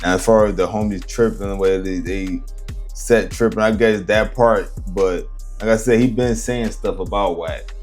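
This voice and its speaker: A man's voice: on the low side, normal speed, darkish tone, soft background music. A man giving casual video commentary in rambling street slang, often checking that listeners follow him.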